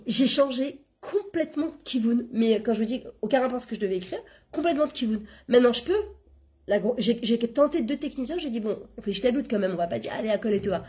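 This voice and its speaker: A middle-aged woman leads an informal spiritual lesson, her voice sitting a little high. She tells stories from her own life in a chatty, animated way and slips Hebrew terms into her French. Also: quick pace. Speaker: Torah class teacher and coach.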